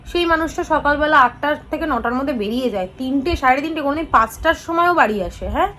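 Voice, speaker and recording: Woman vlogger, 30s, high voice, scolding and sarcastic, talking to her phone camera. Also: expressive, fast talker, a bit bright. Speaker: family vlogger. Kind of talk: talking to camera, answering comments.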